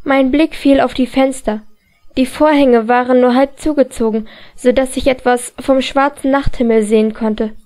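High-voiced woman reading a novel. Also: fairly even intonation, normal speed, darkish tone. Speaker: audiobook reader. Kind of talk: first-person audiobook narration.

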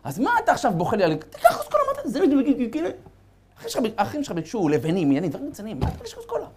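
A man's voice: extremely high pitch, huge pitch swings, background noise, voice pushed up, full character voice. A man voicing an exasperated father who scolds his son. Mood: scolding.

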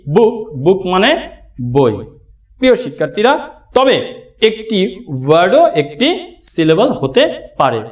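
Bangladeshi guy teaching grammar, high voice, spells words out slow. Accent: Bangladeshi Bengali. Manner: addresses students directly. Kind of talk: classroom lesson explaining at a board.

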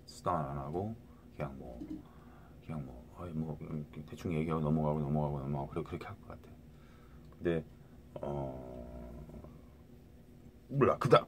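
A man's voice: low-pitched, slight background noise. A middle-aged man talking to viewers into a phone in a rambling casual monologue, restarting words and often asking "right?".

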